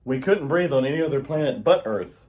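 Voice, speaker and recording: A man acts in old-style radio theater as an earnest, urgent alien scientist, husband and father, his delivery grave and theatrical. His mid-range voice is a little mellow and lightly acted, fairly quick with lively intonation, and the mood stays tender and earnest.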